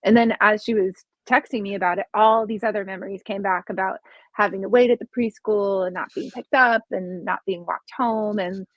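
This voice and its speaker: A woman's voice: mid-range voice, steady tone, brisk, dry recording, low-quality recording. A young woman, a guest on a podcast, talking casually about her psychic readings, musing aloud and hunting for words. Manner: musing, searching for words, many restarts.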